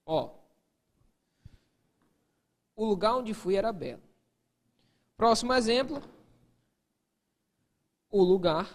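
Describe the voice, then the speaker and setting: A man's voice: high voice, expressive, takes it slowly, pauses often, long reverb tail. A man teaching an exam-prep grammar lesson, posing students' questions to himself and answering them. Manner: answers imagined student questions, peppers speech with "ó".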